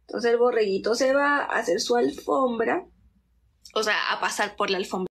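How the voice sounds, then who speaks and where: Chatty young Chilean woman, gravelly fry. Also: a little high, moderate pace, fairly bright tone. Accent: Chilean Spanish, softened by Mexican. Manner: chatty, easily distracted, rambling with many fillers; drops into whispers now and then. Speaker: content creator. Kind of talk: casual story time while doing makeup.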